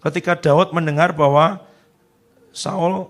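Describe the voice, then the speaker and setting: A middle-aged male pastor preaching a sermon in a lively, conversational way, acting out the voices of people he quotes. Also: on the high side, slow, faint music behind.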